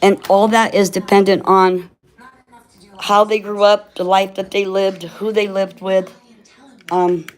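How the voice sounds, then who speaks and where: A woman's voice: medium pitch, level tone, a little slow. A woman chatting casually in a rambling way, often checking for agreement, with slightly slurred sibilants from missing teeth. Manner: often ends phrases seeking agreement with "right". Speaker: vlogger.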